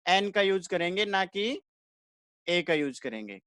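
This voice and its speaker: A man's voice: sits high, sing-song, unhurried, pushed and bright, no room sound. Male teacher quizzing his online class. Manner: repeats questions to students and answers them himself. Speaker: English grammar teacher.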